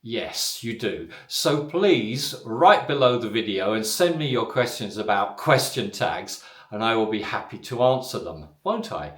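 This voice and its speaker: A male English teacher giving a lesson at an unhurried, careful pace. His pitch swings widely as he exaggerates rising and falling intonation, with plenty of "uh" and "so" fillers. The room adds a noticeable echo. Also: lively intonation, fairly bright tone. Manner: slow, deliberate delivery with exaggerated rising and falling intonation on examples; frequent "uh" and "so" fillers.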